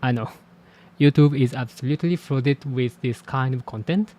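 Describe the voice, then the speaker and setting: This mellow, medium-pitched male voice belongs to a language teacher who hosts his own channel and whose first language is Japanese. Speaking to camera, he reflects on learning languages in a candid, measured, self-deprecating way.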